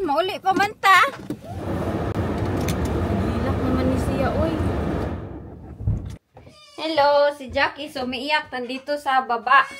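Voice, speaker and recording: A woman with a high voice talks slowly to her pet, switching between gentle baby talk and playful scolding. The recording is noisy, with a vehicle heard behind her. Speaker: vlogger. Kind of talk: casual chat with a pet.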